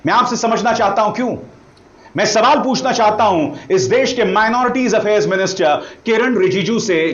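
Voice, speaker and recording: A man's voice: sits high, fairly bright tone, reverberant, dull audio. A man giving opinion news commentary, firing pointed rhetorical questions at his viewers.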